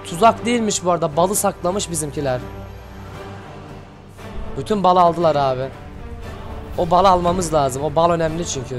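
A man hosting his channel, giving excited reaction commentary and shouting at the screen in casual slang. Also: on the high side, normal speed, long pauses, faint music behind. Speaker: channel host reacting to an animation.

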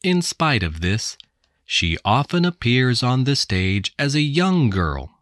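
An American woman reading English textbook passages aloud with careful, deliberate enunciation. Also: extremely low pitch, very animated, no room sound, clean studio sound. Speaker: English text reader. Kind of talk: slow scripted textbook reading.

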